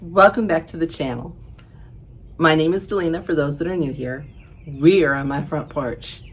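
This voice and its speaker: Low-voiced woman on her porch. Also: normal speed, breathy edge. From southern Georgia, USA. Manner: chatty, friendly walkthrough with small laughs. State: a little out of breath. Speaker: home decor vlogger. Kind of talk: casual home decorating vlog. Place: outdoors on a front porch. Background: birds chirping.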